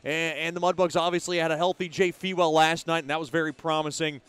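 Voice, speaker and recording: A man's voice: fairly high pitch, little pitch movement, quick pace, a bit bright, clear, resonant tone. A man hosting a hockey pregame broadcast in a formal sports announcer manner.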